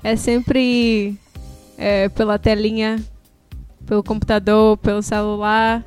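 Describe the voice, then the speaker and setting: A woman's voice: mid-range voice, level tone, takes it slowly, darkish tone, clear, resonant tone, soft background music. A Brazilian woman co-hosting a podcast in casual chat, reading out a listener's story. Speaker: podcast co-host.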